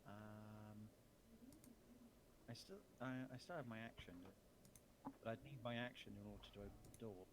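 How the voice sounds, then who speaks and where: A man's voice: on the low side, normal speed, long pauses, background noise. A man playing a tabletop game, thinking aloud and hesitating over his moves. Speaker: player. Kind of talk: casual tabletop game play.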